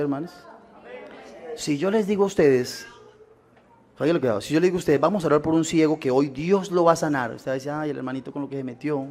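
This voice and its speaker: A male Colombian pastor preaching a sermon, addressing the congregation with rhetorical questions and acting out the voices of people in his stories. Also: fairly high pitch. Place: church gathering.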